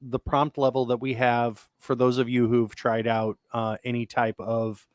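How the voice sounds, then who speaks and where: A man co-hosting a podcast, chatting casually and rambling with frequent restarts as he talks excitedly about sci-fi technology. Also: medium pitch, a little slow, smooth, no room sound. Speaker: podcast co-host. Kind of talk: casual chat.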